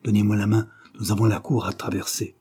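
A man's voice: fairly low pitch, little pitch movement, fairly quick, mellow, slightly rough. A man voicing a brusque, impatient young male painter who gives curt orders, in a classic French audiobook. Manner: curt, commanding.

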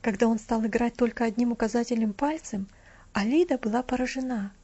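A woman reads a children's storybook aloud in a steady, expressive way. Her voice sits somewhat high. The recording is dull and lo-fi. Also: a little fast. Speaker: narrator. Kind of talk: storybook reading.

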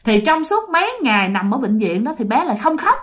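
This woman, with a Southern Vietnamese accent, spins a ghost story chattily and speaks directly to those listening. She sounds on the high side, very animated, and a little fast.

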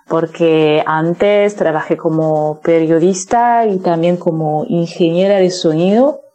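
A woman in her thirties from France with a French accent, a singer interviewed by phone, pausing often to search for words. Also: lowish voice, dark tone. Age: 30s. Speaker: guest singer.

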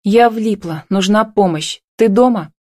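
A woman's voice: mid-range voice, measured pace, a little mellow, no echo, voice pushed up, natural voice. A frightened young woman on the run, read by a woman narrator in a plaintive, slightly raised voice. The sound is dry and close, with no room around it. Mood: anxious. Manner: plaintive, tearful.

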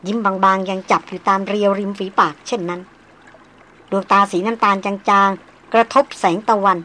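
A woman narrating a novel in a calm, even storytelling manner. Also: medium pitch, moderate pace. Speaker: audiobook narrator.

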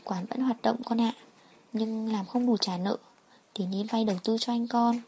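A woman voicing a gentle, worried elderly father who speaks softly and reassuringly. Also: on the high side, fairly even intonation, normal speed, a little hiss or hum, close to an everyday voice. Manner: soft and reassuring.

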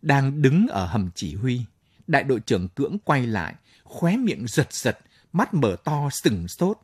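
A man narrating a late-night audio story in a calm, measured way. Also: mid-range voice, slightly rough, no echo, studio quality. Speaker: story reader.

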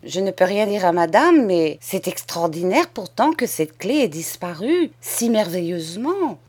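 A woman's voice: lowish voice, big pitch swings, a little slow, a little mellow. A woman reading aloud and voicing a clever, good-hearted young maid who outwits her mistress. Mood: innocent. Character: clever, kindly young maid, quick and sly.

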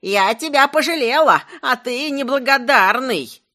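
A narrator voicing a cantankerous ancient talking spear with a shrill old woman's voice, grumpy and indignant. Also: animated, a little slow, pushed and bright, full character voice. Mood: shrieking. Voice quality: shrill, screeching. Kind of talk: audiobook character voice.

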